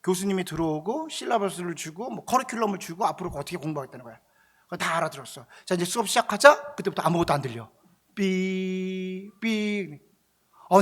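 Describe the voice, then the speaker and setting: Gravelly high-voiced male preacher. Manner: animated, conversational, acting out quotes, shouting at peaks. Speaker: pastor. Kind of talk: storytelling sermon.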